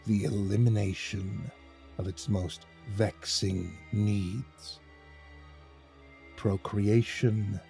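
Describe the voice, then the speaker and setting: A man voicing a cold, contemptuous alien emissary from the stars, speaking in slow, measured pronouncements through a metallic voice filter. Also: on the low side, creaky, mellow. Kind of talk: audiobook narration.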